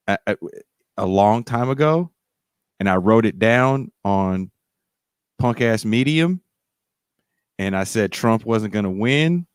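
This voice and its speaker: A man's voice: fairly low pitch, clean tone, no room sound, studio quality. A man talking brashly in casual podcast chat, joking and swearing freely. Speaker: guest.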